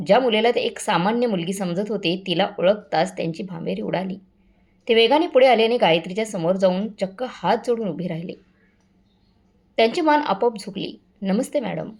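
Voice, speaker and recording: A woman's voice: mid-range voice, lively intonation, brisk, a little mellow. Woman narrating a dramatic story. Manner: addresses listeners as friends, reads all characters' lines in near-natural voice.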